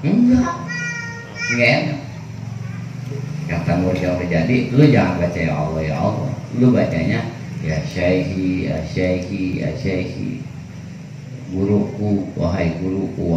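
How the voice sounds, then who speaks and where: A man's voice: mid-range voice, a little mellow. A man teaching a religious study, telling stories in casual slang-filled talk. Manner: casual storytelling with Betawi slang. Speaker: kiai teaching a kitab study. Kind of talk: sermon. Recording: echoey room from far off, faint noise.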